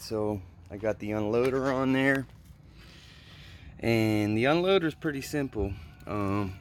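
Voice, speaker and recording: A hobbyist demonstrates his pressure washing build on a concrete patio, explaining it step by step in an easygoing, informal manner. His voice is on the low side. A handheld phone behind the camera captures it, along with slight background noise.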